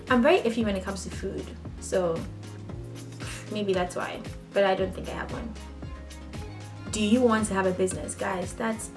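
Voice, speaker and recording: A young woman raised in Ghana, chatting casually to her camera as a vlogger while answering tag questions, talking straight to her viewers with laughing asides. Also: mid-range voice. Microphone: camera on a table.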